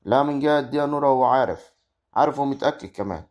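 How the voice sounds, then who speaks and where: A man's voice: medium pitch, very fast, darkish tone, natural voice. A man with an Egyptian accent acting a young village husband caught between his wife and his mother in an amateur family drama. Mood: musing. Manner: exasperated, arguing.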